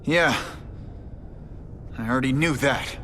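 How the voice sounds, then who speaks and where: An actor playing a young, wisecracking masked superhero in a video game, cocky but earnest, with a quippy, sarcastic manner. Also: male voice, medium pitch, slow pace, a little hiss or hum. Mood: stern, impatient. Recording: loud music under the voice.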